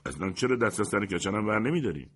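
A man voicing an arrogant, aloof man at a wedding who answers calmly and with disdain. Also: lowish voice, slightly rough, voice pushed up. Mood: disdainful. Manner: calm, haughty and disdainful.

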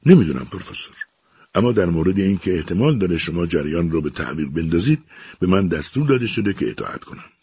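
A man voicing a calm, polite army captain in a storybook reading, speaking formally and evenly. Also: low-pitched, slightly rough, exaggerated voice.

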